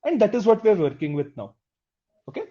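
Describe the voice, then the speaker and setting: Mellow-voiced instructor, muffled lo-fi audio. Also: mid-range voice, sing-song, a little fast. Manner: explains step by step, often checking in with "okay?" and "right?"; addresses the class directly with questions. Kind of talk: live online coding class.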